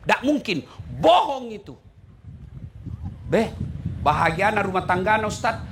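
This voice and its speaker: A man's voice: high-pitched, very animated, measured pace, noisy background. A middle-aged man preaching a humorous sermon. He jokes, teases the audience and throws out rhetorical questions. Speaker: Islamic preacher.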